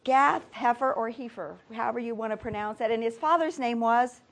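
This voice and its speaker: A woman's voice: on the high side, fast. A woman teaching a Bible study class, quizzing her students and laughing easily. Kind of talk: classroom Bible lesson with questions.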